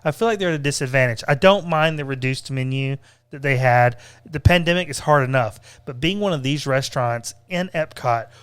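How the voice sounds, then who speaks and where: A man with a smooth, clear voice chats through a casual restaurant review. He hesitates and repeats words as he goes. The sound is dry and close, with no room echo. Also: medium pitch, fairly quick, fairly bright tone. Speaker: co-host reviewing theme park restaurants. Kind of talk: casual conversational food review.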